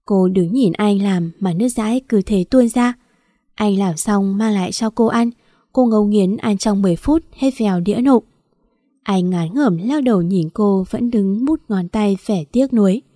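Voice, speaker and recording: A woman narrating a romance story in an even, measured storytelling manner. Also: medium pitch, dry recording, studio quality.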